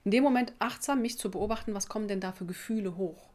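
Female presenter, thirties, native Arabic speaker, medium pitch, direct and conversational self-help explainer. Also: fast talker, a little mellow. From Tunisia. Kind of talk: informal explanatory talk to camera. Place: small office indoors.

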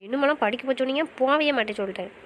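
Cast a woman as a pouty, fast-talking young wife for an audio romance series, faint hiss behind. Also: high voice, fairly bright tone, rough recording. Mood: sulky, playful. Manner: fast, pouty back-talk. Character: young wife, quick-tongued and sulky-playful.

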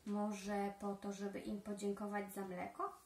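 Slow-reading woman teacher, roomy echo. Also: medium pitch, monotone, slight background noise. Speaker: preschool teacher. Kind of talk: reading a story aloud to children.

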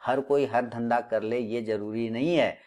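A man's voice: mid-range voice, steady tone, a little slow, a little mellow. A man teaching stock trading in a lecturing monologue, scolding and repeating phrases for emphasis. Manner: scolding, full of rhetorical questions.

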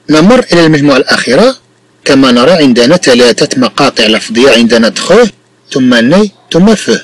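A man teaching a lesson, speaking slowly and repeating each sentence in two languages. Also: mid-range voice, husky, dry recording, low-quality recording. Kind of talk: bilingual classroom lesson.

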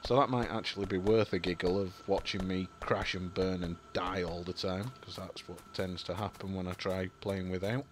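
This is a young Yorkshireman, a gaming YouTuber, giving casual commentary on a building game as he rambles and thinks aloud, full of ums and apologies. He speaks low and steady at a normal speed with few pauses, over a slight hiss or hum.

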